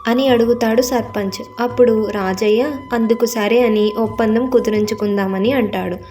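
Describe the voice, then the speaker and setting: A woman narrating a children's cartoon story in a steady storytelling voice. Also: a little high, moderate pace, soft background music.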